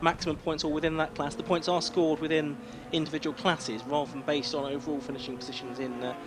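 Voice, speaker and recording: A man's voice: on the high side, level tone, fast talker. A man working as a motorsport commentator, calling a race live with descriptive play-by-play. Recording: noisy trackside outdoor sound, engines behind.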